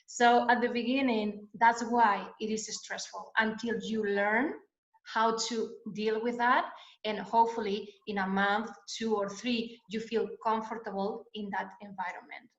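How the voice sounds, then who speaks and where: Woman, Spanish accent, guest teacher, halting with fillers, fairly high voice, dull call sound. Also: fairly even intonation. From Spain. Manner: hesitant, many fillers and repeats. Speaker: guest educator. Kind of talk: online interview. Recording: echoey, dull lo-fi call audio.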